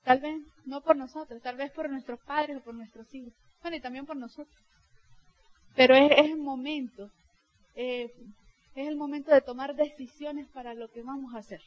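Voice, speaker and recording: A woman's voice: high voice, fairly even intonation, normal speed, highs cut off. A middle-aged woman speaking to her sales team as a leader, telling personal stories in a heartfelt way and acting out quoted dialogue. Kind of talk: motivational testimonial talk.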